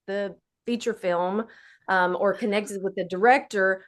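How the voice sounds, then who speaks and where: A woman's voice: mid-range voice, steady tone, a little slow. A woman with an Appalachian accent chatting casually as an interview guest, in a folksy, unflattened dialect. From Appalachia, United States.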